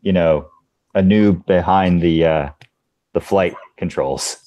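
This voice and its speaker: A man's voice: sits low, steady tone, slow, warm tone. A man from Texas joining a video call from his laptop, friendly and teasing. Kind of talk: casual chat on a video call.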